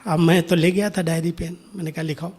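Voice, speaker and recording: A middle-aged man giving a spiritual discourse, telling a story in an unhurried way and sometimes sinking to a soft near-whisper. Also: a little high, steady tone, breathy edge. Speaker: spiritual speaker.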